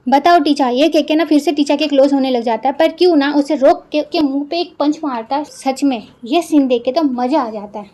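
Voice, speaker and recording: A woman with a Hindi accent recapping a television drama in a lively, casual storytelling way. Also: sits high, fairly quick, few pauses. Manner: lively, acts out the characters' quoted lines.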